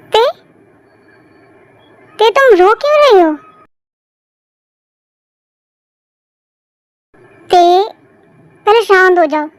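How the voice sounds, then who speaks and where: Girl playing a hot-headed young guy, ranting and scolding, voice stays really high, dry sound. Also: no room sound. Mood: worried. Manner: scolding, exasperated rants. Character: hot-tempered young man, the protective friend. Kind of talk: fan audio story voice acting.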